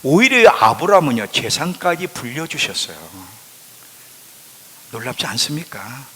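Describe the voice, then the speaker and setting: A male pastor preaching a sermon, quizzing the congregation and answering himself, swinging between loud emphasis and hushed asides. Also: medium pitch, very animated, moderate pace, a little hiss or hum. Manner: asks the congregation questions and answers them himself. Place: church sanctuary. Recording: long hall reverb in a church.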